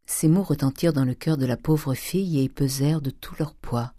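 Female audiobook narrator, low and mellow, measured delivery, dry close mic. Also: no room sound. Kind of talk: scripted narration of a classic novel.

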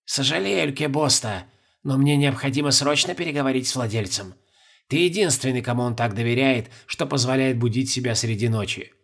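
A scheming old woman, as a male narrator puts her on, talks in a dry, needling hush, her voice gravelly and husky. She sounds sly and sharp-tongued, lifting her pitch a little above the narrator's own. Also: fairly quick. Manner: dry, needling, quietly triumphant. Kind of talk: audiobook character voice.

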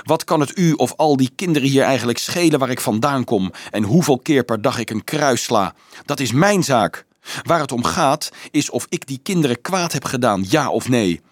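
A man's voice: medium pitch, animated, normal speed, no room sound, clean studio sound, close to an everyday voice. A man voicing a proud, strong young hero who answers his accusers in a firm, defiant way.

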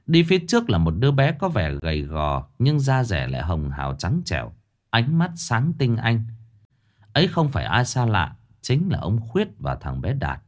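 A man narrating a scripted ghost story in a dramatic, expressive way. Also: medium pitch, normal speed.

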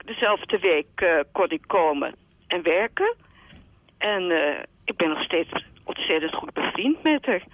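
A woman's voice: lowish voice, animated, a little slow, no room sound, phone-quality sound. An older retired woman calling a radio show over a landline phone, chatting and rambling through her stories with laughs in between. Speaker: caller. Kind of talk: casual storytelling on a late-night call-in radio show.

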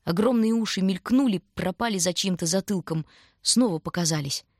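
A woman narrating an audiobook in an even, measured storytelling voice. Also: medium pitch, dry recording, studio quality. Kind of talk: scripted narration.

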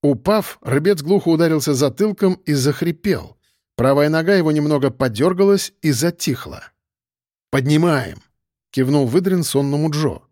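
A man reading a first-person crime audiobook in an even storytelling delivery. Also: fairly high pitch, moderate pace, no room sound, studio quality. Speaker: audiobook narrator. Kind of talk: scripted first-person narration.

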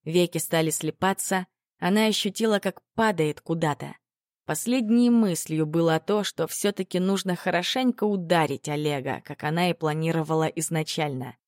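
A woman reading a fantasy novel aloud as an audiobook narrator, in measured storytelling on a close mic. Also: lowish voice, a little mellow, no room sound. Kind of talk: scripted narration.

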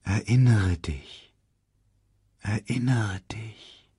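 The ghost of a solemn male lion king, as a male narrator puts him on, speaking low, soft and slow. His husky voice sits close and dry. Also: no room sound.

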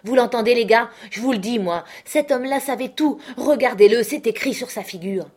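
A woman reader puts on a mutinous male pirate in full cry, high-pitched and loud with rage. He jeers and bellows at his captain from start to finish. The storybook telling keeps him hot-tempered throughout. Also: brisk, husky. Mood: furious jeering. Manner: shouting, jeering.

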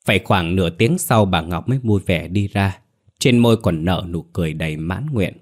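Brief: male storyteller, low voice, even scripted ghost-tale narration. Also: moderate pace.

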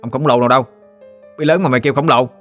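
A man's voice: mid-range voice, racing, a bit bright, faint music behind, voice pushed up, close to an everyday voice. A man voicing a burly, boastful boy bully who taunts and swaggers. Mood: taunting.

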